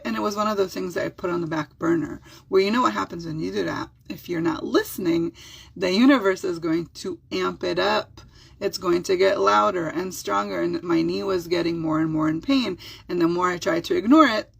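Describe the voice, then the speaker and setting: This spiritual healer is a middle-aged Israeli woman, Hebrew being her first language, and she offers a gentle, calming self-help talk. Her fairly low voice carries a creaky, breathy edge.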